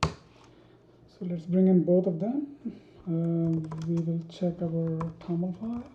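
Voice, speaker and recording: A woman teaching a coding tutorial, thinking aloud with many pauses, ums and restarts while she types. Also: fairly low pitch, dark tone, slight background noise. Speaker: programming tutor. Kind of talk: screen-recorded coding tutorial. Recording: dull roomy home recording.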